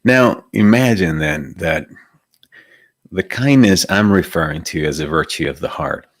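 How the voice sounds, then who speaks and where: In a low, expressive voice and an unhurried pace, a meditation teacher from Venezuela leads a live stream with a reflective spiritual talk full of rhetorical questions. The sound is clean studio quality with no room noise.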